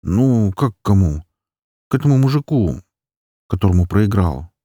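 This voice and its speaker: A man's voice: fairly low pitch, very animated, normal speed, mellow, dry recording, clean studio sound. A man voicing a nervous young man who pleads and begs in an audiobook. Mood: explaining, anxious. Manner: begging, nervous. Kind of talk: audiobook dialogue.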